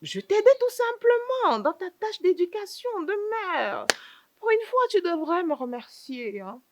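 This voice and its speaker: A woman's voice: very high voice, very animated, a little slow, full character voice. A young woman playing a sassy, scheming younger aunt in a sitcom, needling everyone with rhetorical questions and repeated "hein". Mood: defensive. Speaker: sitcom actress. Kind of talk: comedic sitcom acting.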